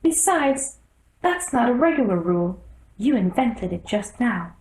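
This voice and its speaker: An outspoken storybook girl voiced by a woman, bold and contrary. The voice is high and argumentative, with a roomy echo. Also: big pitch swings, unhurried, darkish tone. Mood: defiant. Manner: forthright, argumentative.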